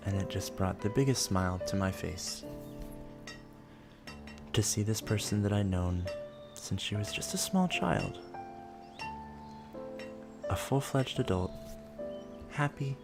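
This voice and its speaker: Man, sleepy rambling, gravelly fry, gentle unhurried musing, soft delivery, music and rain behind. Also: lowish voice, expressive. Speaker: host of a relaxed rambling show. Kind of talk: soft sleepy rambling, narrating a town-building game.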